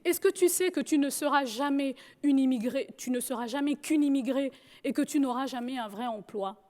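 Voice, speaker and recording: A woman's voice: high voice, brisk, a little mellow, lightly acted. A woman voicing her stern, authoritative older father, pressing and insistent as she quotes him.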